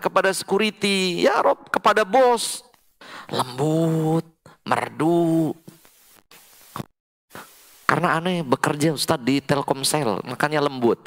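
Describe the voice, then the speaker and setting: A man preaching a mosque sermon to women, reciting Quranic verses slowly and explaining with sudden high emphatic calls, with an Indonesian accent. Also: fairly bright tone. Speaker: Islamic preacher.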